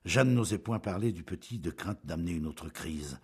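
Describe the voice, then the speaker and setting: A male audiobook narrator with a husky, deep voice reads literary fiction in a measured, expressive storytelling style.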